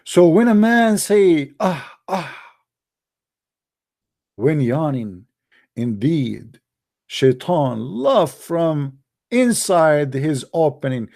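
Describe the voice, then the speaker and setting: A man's voice: on the high side, slow, gravelly. Sarcastic man with a raised voice. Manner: sarcastic, animated, laughs mockingly; broken English grammar. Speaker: online commentator. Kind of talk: ranting monologue.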